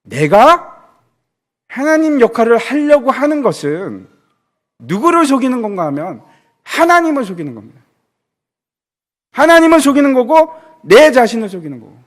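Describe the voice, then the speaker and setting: A man's voice: very high-pitched, very animated, moderate pace, long pauses. A man preaching a sermon in a church. He asks rhetorical questions, answers them himself, and acts out characters' words dramatically. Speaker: pastor.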